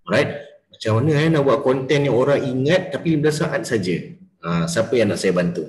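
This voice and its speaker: A man's voice: medium pitch, lively intonation, fairly quick, reverberant, poor audio. A Malaysian man running an interactive business coaching class, mixing English into Malay and quizzing his students by name.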